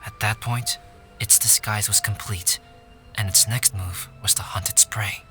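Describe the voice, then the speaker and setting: An actor voices a calm, analytical young man in a video game cutscene, speaking in a measured, articulate, formal manner. His voice is lowish, with faint music in the background.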